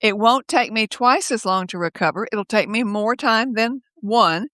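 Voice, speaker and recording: An older woman speaking as a guest over a video call from her home office, telling stories in a lively way, laughing often and acting out the voices of others. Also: on the high side, unhurried, no room sound. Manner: lively, laughs often, acts out quoted speech. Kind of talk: casual conversational storytelling.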